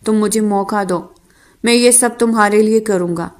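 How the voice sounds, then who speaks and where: A woman's voice: mid-range voice, close to an everyday voice. A woman reading the lines of a remorseful young husband who pleads with his wife for forgiveness, in an audiobook novel reading. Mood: pleading. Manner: pleading, earnest.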